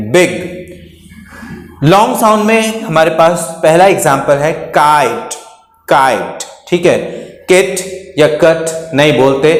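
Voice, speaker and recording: A man teaching a beginner English lesson in Hindi, repeating each example word slowly several times. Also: fairly high pitch. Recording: echoey room with long reverb.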